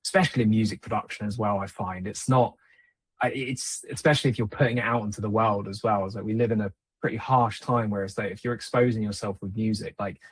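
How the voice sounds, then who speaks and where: A man's voice: on the low side, fairly even intonation, quick pace, slightly rough. A young man, a music producer talking as a podcast guest in an easygoing, rambling way with many fillers. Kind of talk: casual chat.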